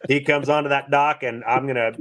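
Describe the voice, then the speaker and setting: A man from the Pacific Northwest, a truck driver, telling a story in a casual, rambling, halting way with many fillers. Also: medium pitch, fairly even intonation, a bit bright.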